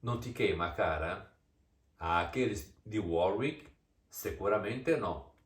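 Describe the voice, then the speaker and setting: A man's voice: low voice, unhurried. A man reading a scripted video essay, explaining step by step and asking mocking rhetorical questions. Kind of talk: scripted narration. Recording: echoey room, distant mic.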